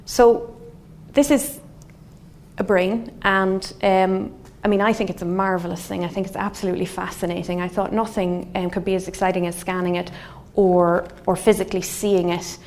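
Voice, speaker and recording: A middle-aged woman from Galway with a west of Ireland accent, a scientist giving an explanatory lecture in a thoughtful, halting, semi-conversational way. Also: on the low side. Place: indoor wood-panelled lecture room. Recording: faint steady room noise.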